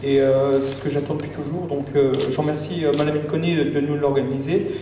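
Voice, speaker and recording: Boxer guy answering press questions, hesitant n measured, soft dark tone, echoey, far from mic. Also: a little high, flat delivery. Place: echoey press conference room. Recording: echoey hall, distant mic, faint noise.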